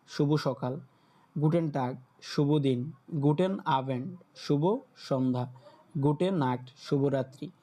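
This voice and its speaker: A man's voice: on the high side, mellow. A man teaching a beginners' language class on a video call, patiently spelling out sounds and checking in with his students. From Bangladesh. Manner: patient, repeats words and checks in with listeners. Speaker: German teacher. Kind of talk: online class lesson.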